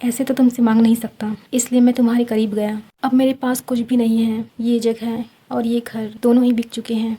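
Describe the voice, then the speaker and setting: A woman's voice: fairly high pitch, level tone, normal speed, hardly any pauses, warm tone. Woman reading as a mocking young scheming man. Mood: explaining. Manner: mocking, smooth-talking. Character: scheming young man after a magic locket.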